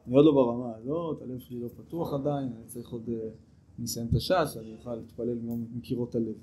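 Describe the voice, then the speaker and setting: A male rabbi giving an informal, animated lesson to yeshiva students, urging them on and acting out their inner voices. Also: medium pitch, a little hiss or hum.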